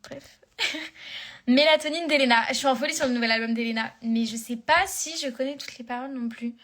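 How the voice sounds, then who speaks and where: A young woman talks to fans on a live phone stream. Her voice sits fairly high, and she rambles along with lots of fillers and restarts. The chat stays casual and loose throughout. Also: fast talker, fairly bright tone.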